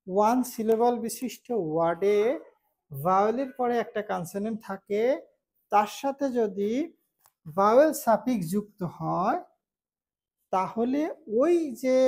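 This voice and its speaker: A woman's voice: medium pitch, a little mellow. Woman teacher explaining spelling step by step. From Bangladesh. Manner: slow, repetitive explaining with check-in questions. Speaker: English teacher. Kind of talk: classroom spelling lesson.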